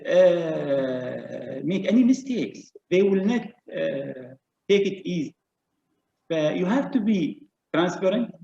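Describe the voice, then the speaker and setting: A man's voice: sits high, vocal fry, dark tone. A man speaking as a panelist, earnest and emphatic, repeating key phrases to drive his point home. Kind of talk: panel discussion remarks. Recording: roomy, dull lo-fi audio.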